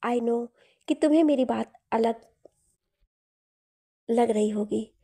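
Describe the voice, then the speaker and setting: A woman's voice: fairly high pitch, takes it slowly, warm tone, husky, exaggerated voice. A woman voicing a playful young man who teases his childhood friend, in a storybook reading. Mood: teasing. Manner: playful, teasing.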